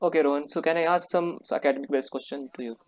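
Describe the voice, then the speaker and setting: A male interviewer on an online admissions call, his voice slightly high and muffled by a lo-fi line. He asks questions haltingly, with lots of uh's in between. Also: fairly even intonation, a little mellow. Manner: halting, many fillers. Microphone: computer microphone on a video call.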